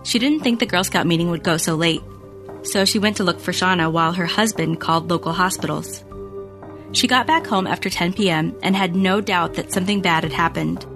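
A woman hosting a podcast, reading scripted true crime narration in measured, storytelling phrases. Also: fairly low pitch. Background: music bed.

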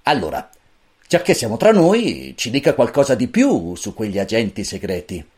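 Woman playing a calm slow dad professor, dry and measured, kids storybook. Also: extremely low pitch, heavily acted. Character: calm middle-aged male professor, father. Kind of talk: storybook reading.

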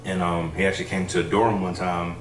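A young saxophonist guest chats casually in a live session in a theater loft, telling a story packed with fillers. His voice is low, fairly flat, and a little fast, recorded in an echoey room with a distant mic and slight background noise.

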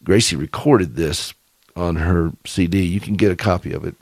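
A man's voice: low-pitched, moderate pace, darkish tone, dry recording. A middle-aged man with a Southern accent hosting a radio show for caregivers, giving earnest, preacherly encouragement and asking listeners direct questions. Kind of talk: faith-based encouraging talk.

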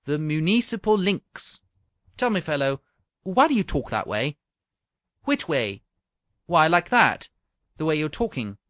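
Man doing a prim suspicious nobleman, incredulous, slightly high, dry. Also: big pitch swings, unhurried, pauses often, fairly bright tone, no echo. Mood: puzzled.

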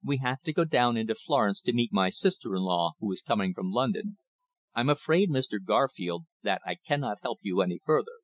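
A man's voice: fairly low pitch, lively intonation, fairly quick, no echo, natural voice. Give me a haughty rich man who talks down to people, as a male audiobook reader puts him on, recorded dry. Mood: dismissive. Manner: condescending, brushing off. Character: dismissive, haughty wealthy man.

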